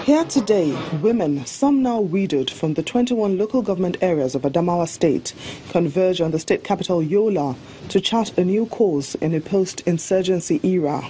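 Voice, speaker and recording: A woman's voice: on the low side, lively intonation, moderate pace, warm tone. A woman narrating a scripted news package as a field reporter. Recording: noisy crowd and ambience behind.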